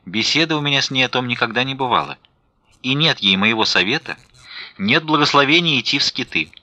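A man reading an audiobook, voicing an elderly abbess who answers calmly and coldly. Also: mid-range voice, no room sound, pitched above the performer's own voice. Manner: calm, cold, measured. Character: calm cold elderly nun, an abbess.

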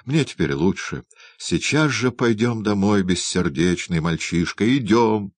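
A man voicing a tearful young woman who pleads and wails loudly in an audiobook reading. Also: on the low side, lively intonation, unhurried, no echo. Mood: pleading. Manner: loud, wailing exclamations.

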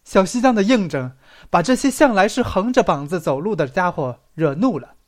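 In a mid-range voice at a moderate pace, an audiobook reader narrates a literary story. It's an expressive, storytelling delivery that accentuates the dramatic phrases.

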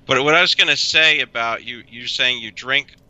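A man with a very bright, crisp and smooth voice co-hosts a casual podcast. He probes his partner with pointed questions in an easy, conversational way. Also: mid-range voice, normal speed, no room sound, lo-fi sound. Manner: probing, asks pointed questions. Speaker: podcast co-host.

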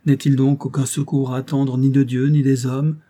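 A man voicing an anguished noble lady who pleads urgently, in a husky, warm voice. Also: mid-range voice, fairly quick, voice pushed up, lightly acted. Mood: pleading.

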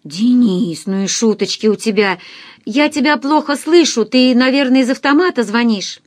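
A woman's voice: a little high, expressive, normal speed. A woman reading an audiobook, voicing a cowardly man who answers curtly and dismissively on the phone. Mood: evasive. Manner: curt, dismissive, nervous. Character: cowardly, evasive man, a former friend.

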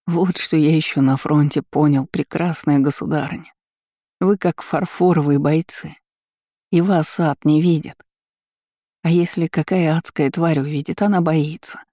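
An earnest young soldier, devoted to his queen, speaking fervently and a little slowly, as a woman narrator reads him. The tone is dark and mellow, and the recording is close and dry. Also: low voice, steady tone, no echo.

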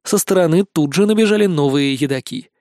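Lively male audiobook narrator, dry sound. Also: a little high, fairly quick, no room sound. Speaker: audiobook reader. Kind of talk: storybook narration.

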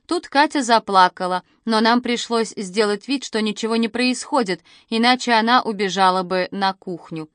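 A woman narrating a family story in the first person, lively and expressive. Her voice sits at a middle pitch, and the recording is dry and close with no room sound. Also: moderate pace, few pauses, dry recording. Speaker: audiobook narrator.

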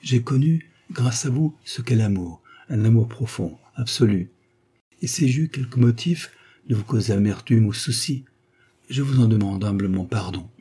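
A man's voice: fairly low pitch, moderate pace, mellow, breathy edge. A man voicing a doomed aristocratic count, speaking with courtly, earnest declamation. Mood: tender. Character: doomed aristocratic male count, gracious and composed.

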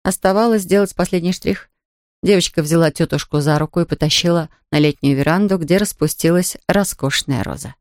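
A woman narrating an audiobook in an even, expressive storytelling manner. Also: lowish voice, a little fast, dry recording, studio quality. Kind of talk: scripted narration.

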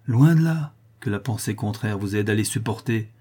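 A man voicing a solemn, reassuring gentleman in an audiobook. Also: on the low side, normal speed, slightly rough. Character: solemn nobleman, steady protector. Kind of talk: audiobook character reading.

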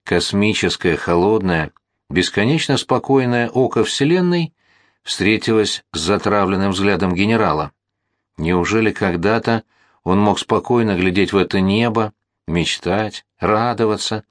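A man narrating a historical novel as an audiobook, in a measured, steady storytelling manner. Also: lowish voice, no room sound, studio quality.

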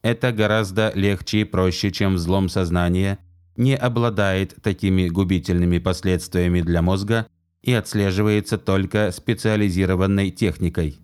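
A man reading an audiobook and voicing a prim, literal male robot nanny in a metallic, measured tone, reciting facts like a manual. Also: low-pitched, clear, resonant tone, close to an everyday voice. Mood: flat, matter-of-fact. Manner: slow, even, reciting like a manual.

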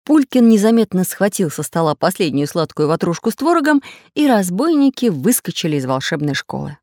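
A woman narrating a children's fairy tale audiobook in a lively storytelling way. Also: on the low side, a little fast, dry recording, clean studio sound.

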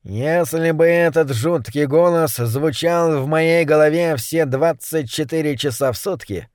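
A man's voice: a little high, unhurried, a little mellow, no room sound, clean studio sound, natural voice. A man voicing a sly, scheming male talking cat, reading an audiobook.

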